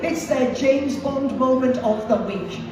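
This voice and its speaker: A woman's voice: high-pitched, a little slow, far from the mic. A woman speaking as an upbeat cruise director, rallying a crowd from the stage with emphatic live introductions. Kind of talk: live stage announcing, introducing officers to an audience. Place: on stage in a cruise ship venue. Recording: echoey PA in a large hall, music and crowd. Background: music and audience noise.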